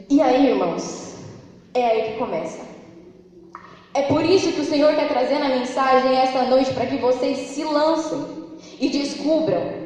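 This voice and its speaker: A young Brazilian woman gives a church testimony. She tells her story with lively energy, acts out the dialogue and speaks directly to the congregation. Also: sits high. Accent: Brazilian Portuguese. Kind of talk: sermon testimony. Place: large church hall. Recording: heavy echo of a big reverberant hall.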